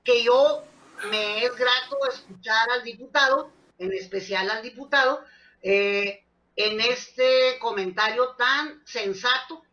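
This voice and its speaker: A woman's voice: on the high side, bright, forceful tone, muffled recording. A woman, a panelist speaking hesitantly with many fillers. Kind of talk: panel discussion.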